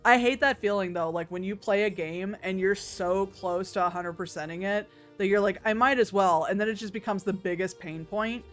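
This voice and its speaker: A woman's voice: mid-range voice, normal speed, hardly any pauses. A woman streams a game with a mid-range voice and chats casually as she plays. She is playful and wry and swears freely. Music runs behind her. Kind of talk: casual chatty game commentary.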